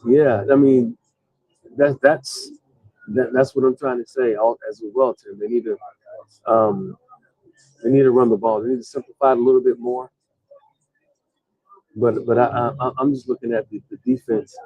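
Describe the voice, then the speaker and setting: A man's voice: mid-range voice, steady tone, moderate pace, pauses often, husky, no echo. A tired man hosting a casual live sports chat, reading out viewer comments and talking in a rambling way with many restarts and fillers. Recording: dull, lo-fi sound.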